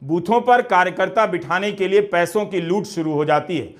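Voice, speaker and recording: A man delivering scripted political commentary in a measured, critical tone with rhetorical questions. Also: sits high, faint music behind. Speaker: news commentator.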